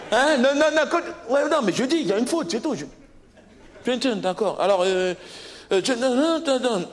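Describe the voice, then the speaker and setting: A man's voice: very high-pitched, slight background noise, pitched above the performer's own voice. A man playing a brash young candidate at an oral English exam, argumentative and stammering, on a live comedy stage. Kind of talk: stand-up character sketch. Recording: live stage show, loud laughing crowd. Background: audience laughter.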